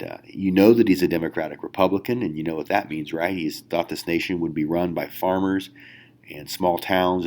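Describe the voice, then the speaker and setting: Low-voiced man giving a history lesson. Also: a little mellow. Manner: conversational, many fillers, rhetorical questions. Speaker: history teacher. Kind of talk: recorded classroom lecture.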